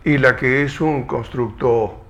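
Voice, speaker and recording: A man hosting a televised science interview, asking measured, formal questions. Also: medium pitch, steady tone, a bit bright, lo-fi sound.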